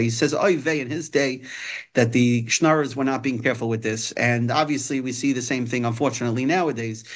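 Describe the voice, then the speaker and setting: A man gives an informal religious lesson, reading a text and explaining it, often hesitating and repeating phrases. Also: mid-range voice. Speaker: religious teacher.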